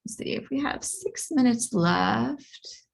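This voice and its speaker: A woman's voice: on the high side, expressive, takes it slowly, vocal fry. A woman teaching an online writing workshop, explaining step by step with frequent ums and restarts. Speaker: library workshop instructor. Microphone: video call.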